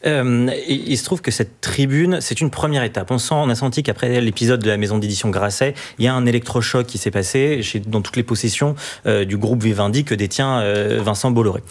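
A male panelist on a radio debate show, talking very fast. He piles up points in dense runs and often restarts his sentences. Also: mid-range voice. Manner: rapid, dense argument with frequent restarts.

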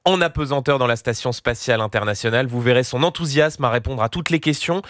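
A man's voice: mid-range voice, fast, fairly bright tone, no echo. A man interviewing live on radio, repeating words as he goes.

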